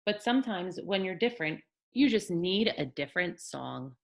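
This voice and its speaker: Woman as a kindly, creaky storybook cricket. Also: fairly low pitch, expressive, normal speed. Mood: encouraging. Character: small, kindly, wise cricket.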